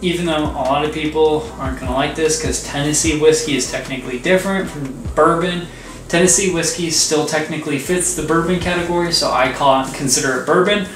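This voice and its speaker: This twentysomething co-host of a whiskey review talks in casual, emphatic bro slang, his voice a little high, brisk, and somewhat bright. He's indoors in a small room with a home bar, and the slightly distant mic catches a roomy echo.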